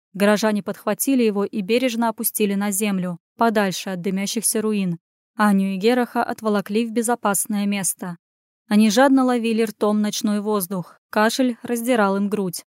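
A woman reading a fantasy audiobook aloud in a steady, expressive narration. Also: medium pitch, clear, resonant tone, no room sound, clean studio sound. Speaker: audiobook reader. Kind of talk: scripted narration.

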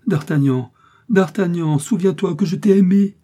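A man's voice: moderate pace, darkish tone, husky. A man voicing a desperate, vengeful young noblewoman who pleads and cries out for her life in an audiobook. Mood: pleading. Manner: shrill, pleading outcries.

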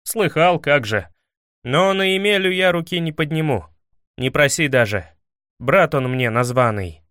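A man voicing a brash, foolish young hero in an audiobook, prone to loud, excitable outbursts. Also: fairly high pitch, measured pace, clean tone, no echo, studio quality. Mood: earnest. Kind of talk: audiobook character voice.

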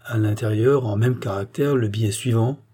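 A man narrating an old detective novel as a steady audiobook reading, lifting his voice for the characters' quoted lines. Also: fairly low pitch, moderate pace, breathy edge.

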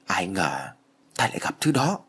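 A man voicing a nervous teenage boy who stammers and speaks in a hushed way. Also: sits low, sing-song, normal speed, breathy edge, exaggerated voice.

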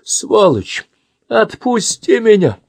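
Desperate teen boy screaming defiance, high and strained as a male reader plays him. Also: sing-song, slow pace, no room sound, heavily acted.

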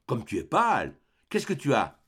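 A man's voice: mid-range voice, huge pitch swings, moderate pace, a bit bright, breathy edge, heavily acted. A man reading a novel aloud, voicing an eager, affectionate young man who asks openly. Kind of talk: audiobook character reading.

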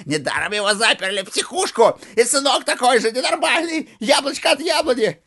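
A spiteful middle-aged junkyard owner, put on by a male reader, taunts in a sneering, raised and muted voice with wide swoops. The audiobook figure jeers rather than shouts, menacing under his breath. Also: very high voice, lively intonation, fairly quick, voice pushed up, heavily acted. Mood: jeering. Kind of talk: audiobook character voice.

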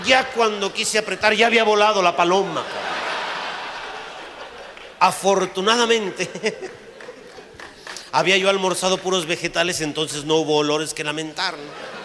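Middle-aged Mexican comic storyteller, crude and animated, with a bright, slightly high voice. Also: male voice, slight background noise. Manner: profane, animated, acts out voices and shouts. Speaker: storyteller comedian.

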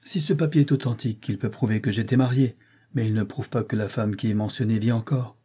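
A man voicing a proud, brooding nobleman with a forceful, impassioned delivery in an audiobook reading. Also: fairly low pitch, fairly even intonation, a little fast, husky. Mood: defiant. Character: brooding proud older nobleman, bitter and defiant.

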